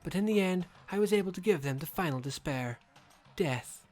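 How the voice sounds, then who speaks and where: Young female game villain, acted by a woman: coldly satisfied, taunting, theatrical, wide pitch swings. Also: expressive, normal speed, darkish tone, faint music behind, lightly acted. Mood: cold satisfaction. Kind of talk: acted video game dialogue.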